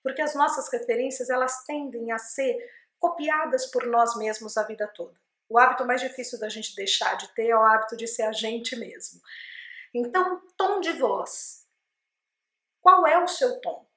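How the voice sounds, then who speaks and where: A middle-aged woman with a Brazilian Portuguese accent, a speech therapist who teaches voice to camera in an expressive way and often asks the viewer questions. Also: on the high side, moderate pace. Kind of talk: instructional video talk to camera. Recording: echoey room.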